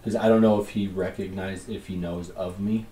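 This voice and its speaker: A man's voice: deep voice, steady tone, normal speed, reverberant, far from the mic, background noise. A man playing a tabletop game, talking in an insistent, earnest way. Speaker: player.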